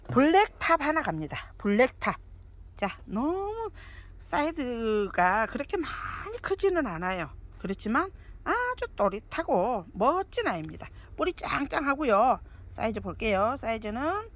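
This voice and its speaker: A woman presenting succulents for sale, counting off lot numbers, sizes and prices in a chatty, doting way. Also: high-pitched. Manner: chatty, doting, calls plants "아이". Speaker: succulent seller. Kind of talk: live sales presentation.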